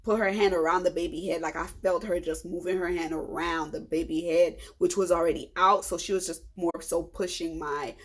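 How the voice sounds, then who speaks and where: A woman's voice: fairly low pitch, moderate pace, hardly any pauses. A woman vlogger telling a story casually to her viewers in a chatty, frank and humorous way, acting out the lines of other people. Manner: animated, chatty, acts out quoted dialogue.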